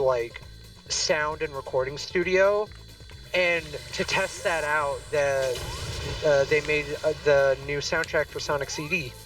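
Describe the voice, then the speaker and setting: A man's voice: fairly high pitch, fairly bright tone, distant mic, rough recording. Rambling man streamer, slightly off-mic. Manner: rambling, heavy on fillers. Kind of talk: casual chat while gaming.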